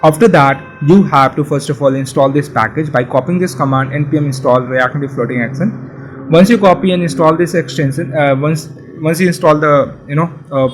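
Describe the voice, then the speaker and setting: Male coding tutor, somewhat high voice, loose and chatty delivery full of fillers and restarts. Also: poor audio. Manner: casual, repetitive, many fillers and restarts. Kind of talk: screen-share coding tutorial.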